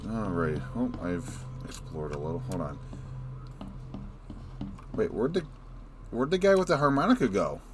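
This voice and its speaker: A man with a deep voice chats casually through a video game, musing wryly to himself. Game ambience and clear noise sit behind his voice. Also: very animated, unhurried, pauses often. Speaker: gamer narrating playthrough. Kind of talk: casual gameplay commentary.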